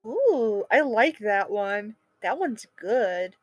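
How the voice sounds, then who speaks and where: A woman's voice: medium pitch, very animated, slow, no echo, soft background music. A woman streamer chatting casually and enthusiastically while playing a game.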